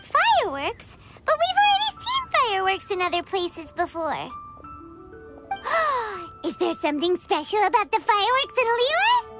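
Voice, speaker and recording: A woman voicing a tiny, excitable, curious fairy girl in a video game, with a chirpy and eager manner. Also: very high-pitched, a little slow, heavily acted. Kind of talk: scripted video game dialogue. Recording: game music under the voice.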